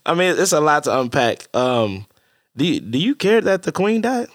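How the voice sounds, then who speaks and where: A man co-hosts a casual podcast chat in a fairly high, sing-song voice at a moderate pace, sounding slightly nasal from a cold. He's laid-back and profane and laughs often, recorded in a clean studio with no room sound.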